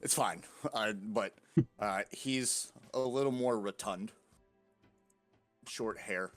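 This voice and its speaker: A man's voice: fairly low pitch, slow pace, a bit bright, faint music behind. A man narrating as game master in a casual, rambling way with many fillers.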